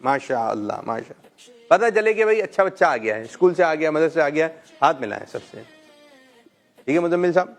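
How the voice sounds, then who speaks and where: A middle-aged man hosting a children's call-in show, gently quizzing kids and praising them often. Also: fairly high pitch, lively intonation, gravelly. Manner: gentle, coaxing questions, frequent "mashallah".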